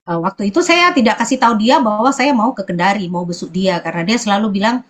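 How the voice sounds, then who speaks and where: A woman's voice: medium pitch, animated. Woman telling a hesitant testimony. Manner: hesitant, often pausing to search for words. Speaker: church member giving a testimony. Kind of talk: personal testimony.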